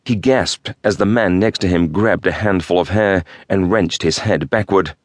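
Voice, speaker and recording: A man narrating a thriller audiobook in a measured, steady storytelling manner. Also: deep voice, no room sound, studio quality.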